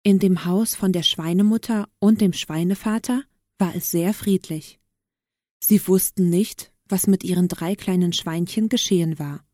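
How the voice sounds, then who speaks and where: Woman narrator for a children's story, slow and gentle, dry close recording. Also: on the low side, no echo.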